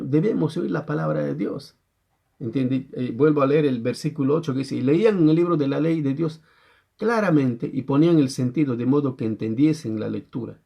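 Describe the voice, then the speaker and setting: Gravelly Chilean pastor preaching. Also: male voice, medium pitch, dark tone. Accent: Chilean Spanish. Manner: checks understanding with frequent rhetorical questions; reads scripture slowly and deliberately. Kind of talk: sermon with scripture reading. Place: church.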